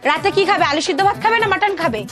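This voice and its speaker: Exasperated comedy housewife acted by a woman, raised very high voice, loud music behind. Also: expressive, rapid-fire. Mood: nagging, exasperated. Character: impatient nagging housewife, theatrically exasperated. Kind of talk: comedy skit acting.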